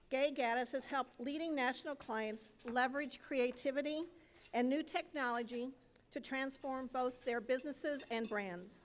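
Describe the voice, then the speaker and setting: A woman with a high voice reads a formal introduction from a podium microphone. Her words ring out with a long reverb in the hall around her. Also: slight background noise. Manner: formal, scripted delivery. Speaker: event emcee. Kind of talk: reading an introduction. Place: event hall.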